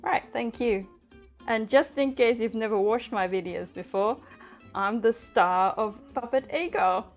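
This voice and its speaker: A woman from Japan with a Japanese accent hosts a casual English chat for language learners. Her voice is a little high and unhurried, with guitar music playing behind her.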